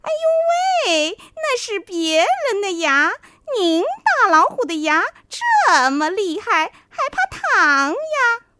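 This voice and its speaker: A woman voicing a sly, flattering male fox in a children's story, sing-song and high. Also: takes it slowly, no room sound, exaggerated voice. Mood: wheedling.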